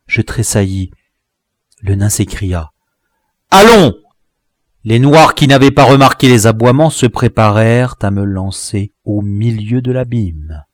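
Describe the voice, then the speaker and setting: A man narrating a classic novel as an audiobook in a measured, dramatic reading. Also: lowish voice, no echo, studio quality.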